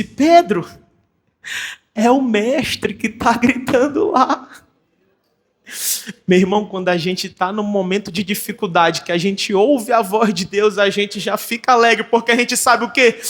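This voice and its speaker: A male pastor with a Brazilian Portuguese accent preaching a sermon, excitable and given to shouting as he preaches. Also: high voice.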